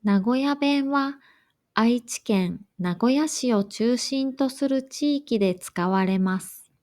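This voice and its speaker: Woman narrator, slightly high voice, very slow pace, careful even delivery, learner lesson. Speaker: language teacher.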